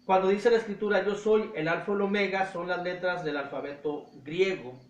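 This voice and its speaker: A man's voice: sits high, fairly even intonation, far from the mic, dull audio. Mexican man preaching in an echoing room. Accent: Mexican Spanish. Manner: emphatic, repeats key words slowly for stress. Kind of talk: Bible study teaching. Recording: roomy echo, voice from off-mic.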